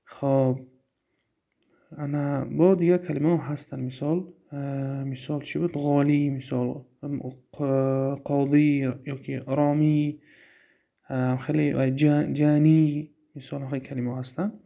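With a medium-pitched, gravelly and warm voice, a Tajik-accented man delivers an Arabic grammar lesson flatly. He quizzes himself and repeats key terms slowly.

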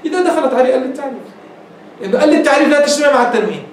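A man with a Levantine Arabic accent teaching a grammar lesson in a lecture room, explaining step by step and checking understanding with quick questions. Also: extremely high pitch, lively intonation, a little hiss or hum. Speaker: Islamic scholar teaching grammar. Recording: echoey room, mic at a distance.

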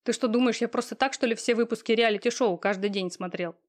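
A woman's voice: fairly high pitch, quick pace, close to an everyday voice. A woman voicing a smug, cold, lazy young man in an audiobook, talking in an offhand, sneering way with coarse slang. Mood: boastful. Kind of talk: audiobook reading.

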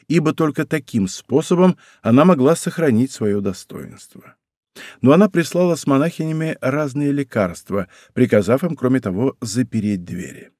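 A male narrator reads a historical novel in a measured, dramatic way. His voice is at an ordinary pitch, and the studio recording is dry and close with no room sound. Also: darkish tone, dry recording. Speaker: audiobook narrator. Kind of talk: scripted narration.

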